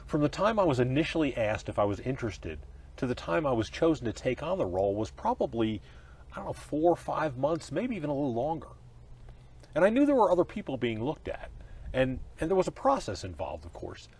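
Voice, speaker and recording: A middle-aged man, a pastor, giving a scripted leadership lesson outdoors at ball fields in an earnest, expressive manner. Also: medium pitch, a little fast, slightly rough. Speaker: pastor teaching a leadership course. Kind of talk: scripted teaching session.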